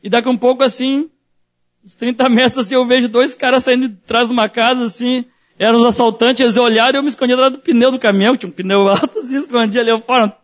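A man's voice: very high voice, steady tone, fast talker, lo-fi sound. A man preaching as a pastor, telling a personal story in a sermon and acting out the voices in it.

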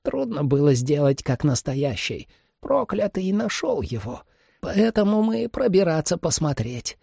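A man voicing an old male ghost mentor who speaks in broken grammar, with a gravelly, husky voice. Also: on the high side, very animated, a little slow, dark tone, no echo, studio quality, pitched above the performer's own voice, heavily acted. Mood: urgent. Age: older. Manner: broken grammar, foreign-sounding, quavering.

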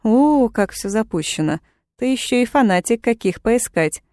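A woman's voice: medium pitch, moderate pace, darkish tone, no echo, studio quality, close to an everyday voice. A woman voicing a defiant young witch in chains, speaking with cool, mocking sarcasm. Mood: sarcastic.

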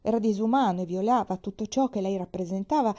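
A woman reads a novel aloud with calm, steady narration. Her voice is mellow and warm, and her reading is unhurried and even. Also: mid-range voice, dull audio. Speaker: reader.

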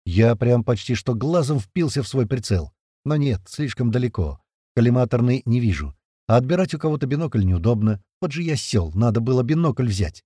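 Brief: male audiobook narrator, dark tone, lively pitch, dry close sound, chatty first person. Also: moderate pace, dry recording. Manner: conversational, swears casually.

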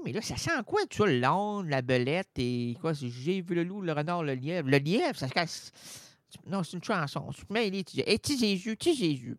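A man with a Quebec French accent delivering a rambling, absurd comic monologue on radio, swinging between loud outbursts and mutters. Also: fairly high pitch, dry recording. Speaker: radio comedian. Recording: dry radio studio.

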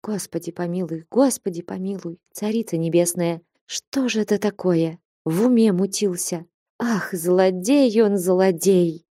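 A woman reads an imperious old abbess from a storybook, sharp and impatient. Her voice is dark and low, recorded close and dry. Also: animated, takes it slowly, no echo. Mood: stricken whisper. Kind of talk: audiobook character reading.

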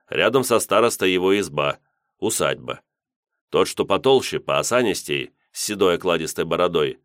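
A man narrating a historical fantasy novel in a measured storytelling manner. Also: low-pitched, fairly bright tone, no room sound, studio quality. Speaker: audiobook narrator. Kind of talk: scripted narration.

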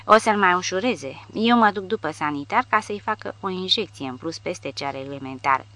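A woman's voice: lowish voice, lively intonation, fairly bright tone. A woman reading the lines of a hardened male former legionnaire with a dry, blunt manner. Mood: defiant.

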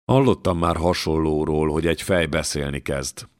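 Very deep-voiced man doing a calm curious young student, storybook. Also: dry recording, clean studio sound.

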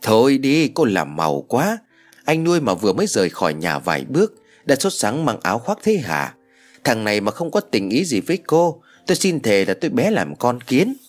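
A man voicing a loud, teasing middle-aged woman neighbor in an audio storybook. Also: mid-range voice, big pitch swings, normal speed, faint music behind.

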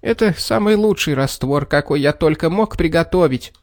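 A man's voice: lively intonation, normal speed, no echo, studio quality. A man doing a fussy tiny bearded little man. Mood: weary. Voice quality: high strained voice.

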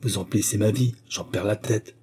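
A man's voice: fairly low pitch, moderate pace, dark tone, husky. A man reading the part of a smug, married middle-aged notary who presses his suit with cajoling questions. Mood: wheedling.

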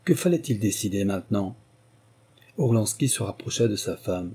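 Husky, dark-voiced male narrator. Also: lowish voice, expressive. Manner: measured, literary reading. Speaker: audiobook narrator. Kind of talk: scripted narration.

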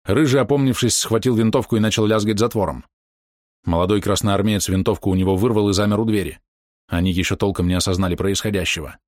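A man reading an audiobook narration in a steady, even manner. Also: lowish voice, quick pace, no echo, studio quality.

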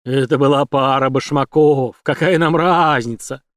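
A man voicing slow, greedy male fire spirits in an audiobook, with a drawling, sly manner. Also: mid-range voice, fairly even intonation, a bit bright, dry recording, clean studio sound, lightly acted.

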